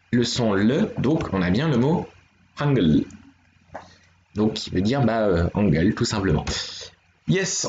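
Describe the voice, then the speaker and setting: A man explains each letter slowly and patiently, talking to the viewers in his chat. His voice sits at an ordinary pitch. The stream audio is roomy and slightly muffled, with faint background noise. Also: darkish tone. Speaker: streamer teaching Korean writing. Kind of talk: live-streamed language lesson.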